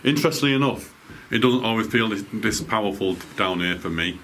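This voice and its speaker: A man leading a night-time ghost hunt as a medium, calm and reassuring, often stumbling over his words. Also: fairly low pitch, fairly quick, a little hiss or hum. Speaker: medium leading a paranormal investigation. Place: indoors in a house at night.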